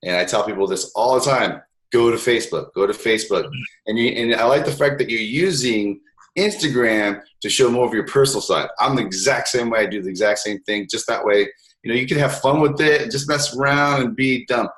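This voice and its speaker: A man's voice: medium pitch, brisk, a bit bright. A man hosting a casual interview, encouraging his guest and speaking directly to listeners. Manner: friendly, encouraging, addresses listeners. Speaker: podcast host.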